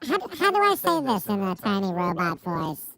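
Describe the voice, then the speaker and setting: A man putting on a small, high-pitched robot voice, speaking slowly and haltingly while joking on a podcast. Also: wildly swooping pitch, gravelly, exaggerated voice. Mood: playful. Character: tiny small robot, squeaky and mechanical.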